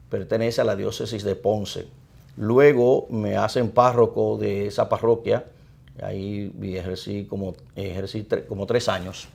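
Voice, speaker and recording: Low and a little mellow, with a gravelly, fry-laden edge, the voice belongs to a middle-aged Dominican priest with a Dominican Spanish accent. He is a guest in an interview, reflecting on his life in a measured way.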